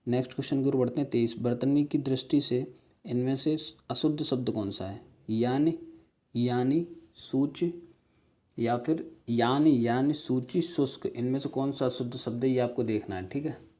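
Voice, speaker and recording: Male tutor, mellow tone, walks through answers one by one, often checking in with the viewer. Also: mid-range voice, moderate pace. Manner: explains step by step, repeating words and "ठीक है"; asks rhetorical questions to viewers. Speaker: teacher. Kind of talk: exam-prep spelling lesson.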